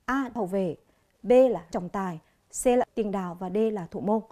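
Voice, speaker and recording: Mellow-voiced Vietnamese woman teaching English. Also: mid-range voice. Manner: slow, clear, repeats each word. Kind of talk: televised classroom lesson.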